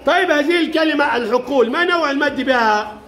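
High-voiced teacher quizzing pupils. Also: male voice, sharp tone. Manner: brisk, playful, calling pupils by name. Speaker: primary school Arabic teacher. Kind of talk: classroom quiz with young pupils. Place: classroom.

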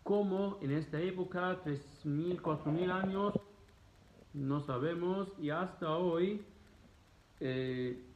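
An animated Egyptian man in his thirties, a native Arabic speaker, vlogs about travel in casual learned Spanish, gesturing as he fields viewer questions at home in his living room. His voice is on the high side. Recorded by a phone camera held at arm's length, the audio is tinny and the room echoey.

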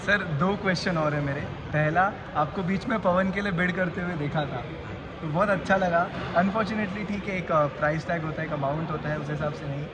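A man's voice: a little high, fairly quick. A young man interviewing a coach outdoors by a street, eager and mixing in English phrases. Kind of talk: fan-style interview questions. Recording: outdoor interview with loud traffic noise.

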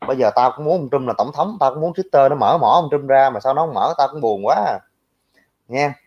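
This young livestreamer is a fast talker with a medium-pitched, breathy-edged voice and a Southern Vietnamese accent. Reacting to viewer comments, he rants brashly and crudely, ridiculing his critics. The audio is dull and lo-fi.

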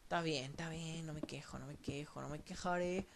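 A man with a Mexican Spanish accent, casually commentating his own gameplay to viewers with lots of swearing and excited outbursts. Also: on the high side, a little fast, gravelly. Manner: profane, excitable, talks to viewers while playing. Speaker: gameplay channel host.

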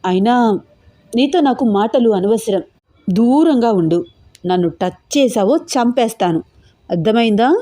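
Storybook role: fiery young bride, put on by a woman reader, shrill, scolding, dry close voice. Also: unhurried, pauses often, no room sound, close to an everyday voice. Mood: furious. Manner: scolding, sharp-tongued.

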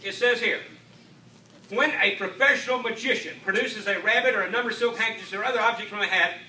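A man's voice: high voice, fast, bright, forceful tone. A middle-aged man performing as a kids' party magician, with playful patter and mock surprise in a live children's show. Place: school library room, indoors. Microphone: camera at a distance. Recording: echoey room, distant camera, audience noise. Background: audience of children.

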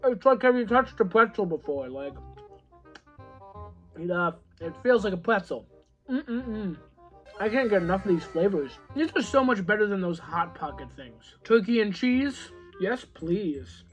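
Faint music plays behind a young man whose high-sitting voice has lively intonation and an unhurried pace. He's at a table in a small room at home, casually reviewing microwave meals for a camera across the table, easygoing and chatty, saying "you know" a lot.

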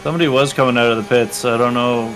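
A man racing and chatting easily with teammates, offering calm reassurances. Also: mid-range voice, fast talker. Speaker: teammate on voice chat. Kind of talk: casual team chat while racing.

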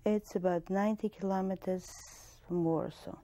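A Polish woman in her sixties with a Polish accent and a medium-pitched voice recalls her past as a Holocaust survivor in an oral history interview. She speaks at a steady, measured pace, plainly, with restarts and soft laughs. She is recorded on a lapel mic in a studio with a dark curtain backdrop.

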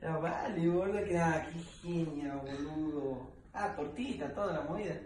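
A man's voice: on the high side, normal speed, a little mellow, a little hiss or hum. A man speaking casually, sounding delighted and grateful. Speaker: band member. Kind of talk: casual chat. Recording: echoey, from far off the mic.

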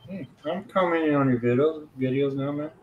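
A man's voice: a little high, a little fast, phone-quality sound, a little hiss or hum. A man watching a board game, throwing in joking, teasing remarks in casual banter. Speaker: onlooker at a game.

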